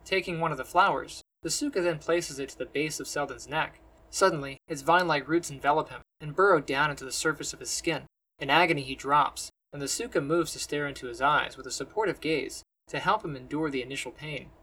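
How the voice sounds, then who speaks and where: Husky male storyteller. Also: a little high, bright, forceful tone, poor audio. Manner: measured, descriptive storytelling. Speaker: narrator. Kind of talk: scripted fantasy audiobook narration.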